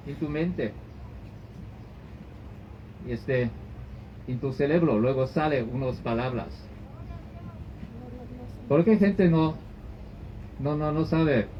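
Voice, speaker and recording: A man preaching a sermon as pastor, in halting phrasing that often restarts and repeats. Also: a little high. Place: church service. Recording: dull lo-fi recording with faint noise.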